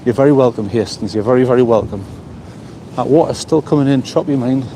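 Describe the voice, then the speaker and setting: Brisk and mid-range in voice, this vlogger from the North East of England rambles to his viewers while walking a seaside pier on a live stream. He repeats words as he thinks, and his small phone mic picks up a noisy background.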